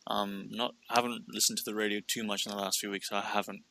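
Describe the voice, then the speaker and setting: A man co-hosts in a relaxed conversational style. His voice is fairly low, with plenty of vocal fry and a bright, forward edge. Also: fast talker. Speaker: podcast co-host. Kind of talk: casual chat.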